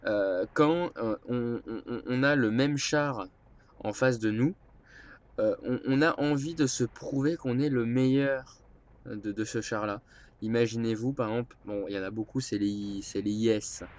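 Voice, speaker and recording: Stuffed up from a cold, this man comments on his gameplay in a mid-range voice at an ordinary pace, hesitant and wandering, with frequent ums and ahs.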